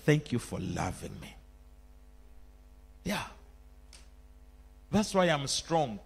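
A middle-aged man with a Ugandan accent preaching a sermon as pastor. He swings between loud exhortation and quiet personal reflection, calls out for amens, and mixes in phrases of a local language. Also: a little high.

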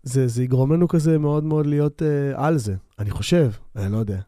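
A man's voice: mid-range voice, mellow, no echo, clean studio sound. A man hosting his own podcast, talking casually into a microphone on a stand, rambling with many fillers and restarts and often poking fun at himself. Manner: self-deprecating and quick to laugh. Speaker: podcast host; bassist. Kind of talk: casual solo podcast monologue. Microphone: new microphone on a stand.

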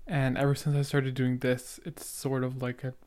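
A young adult man, a podcaster reacting to his own old episode, rambles casually and earnestly with a noticeable stutter and lots of fillers. His voice is ordinary in pitch and a little mellow, with a level tone and normal speed.

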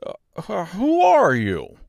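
A man voicing a friendly, naive living scarecrow from a storybook, earnest and polite, with a husky, drawn-out, swooping delivery. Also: a little high, wildly swooping pitch, no echo, voice pushed up, full character voice. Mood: grateful, stretching. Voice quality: rather husky.

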